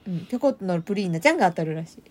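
Animated Kansai-accented woman telling a story. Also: on the low side, racing. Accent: Kansai Japanese. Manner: animated storytelling, acts out quoted voices with laughter. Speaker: podcast co-host. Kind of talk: casual chat.

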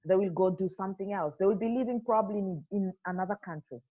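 A woman's voice: medium pitch, fast talker, phone-quality sound. A woman in her forties from Kenya, a podcast guest talking earnestly and reflectively, with many fillers. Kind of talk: casual interview.

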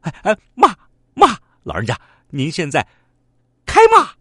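A man's voice: wildly swooping pitch, measured pace, sharp tone, husky, no echo, clean studio sound, exaggerated voice. A man voicing a whiny male duck thief who yelps and pleads. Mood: wheedling. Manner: high yelping wails and wheedling.

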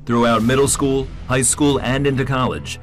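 Measured male documentary narrator. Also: medium pitch, steady tone, faint music behind.

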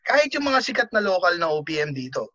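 A man's voice: high-pitched, big pitch swings, fast, sharp tone, no room sound. A man in a casual group chat about the music scene, talking bluntly with frequent swearing and tag questions. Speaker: band member, podcast guest. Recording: muffled lo-fi audio with clear background noise.

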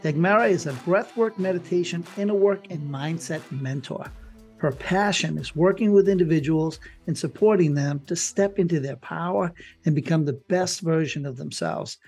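A man's voice: a little high, normal speed, darkish tone, husky, soft background music. Upbeat man hosting a podcast. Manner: upbeat and encouraging. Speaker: podcast host. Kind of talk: scripted show intro and interview.

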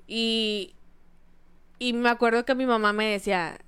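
A woman's voice: on the high side, a little slow, smooth, dry recording. A woman with a Mexican accent, co-hosting a podcast in casual chat, telling childhood stories and acting out quotes. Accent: Mexican Spanish. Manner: animated storyteller, acts out quotes. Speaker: podcast co-host.

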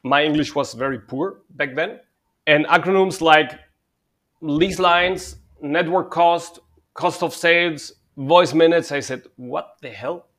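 This Spanish telecom consulting CEO speaks slowly, with a fairly high, somewhat bright voice. As the interview guest he goes over his career in a conversational way, stumbling through filler words and repeated starts.

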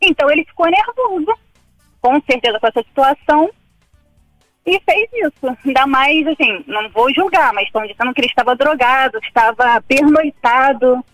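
A woman's voice: high-pitched, moderate pace, fairly bright tone, no echo, soft background music. A woman calling into a radio show over the phone, blunt and firm in her views. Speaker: caller. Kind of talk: phone-in call. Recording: phone line.

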